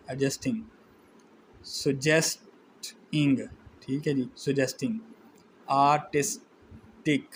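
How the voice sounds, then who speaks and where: A man's voice: medium pitch, darkish tone, slight background noise, poor audio. A man with a Pakistani Urdu accent giving a methodical shorthand lesson, spelling out letters one at a time. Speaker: shorthand teacher. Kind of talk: classroom lecture explaining shorthand strokes.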